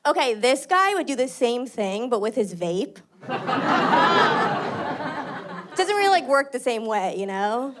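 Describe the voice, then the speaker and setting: Loud young new woman doing stand-up, high voice, noisy room. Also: a little slow, pauses often. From New York. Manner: loud, animated, acts out characters. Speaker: stand-up comedian. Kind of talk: stand-up comedy set.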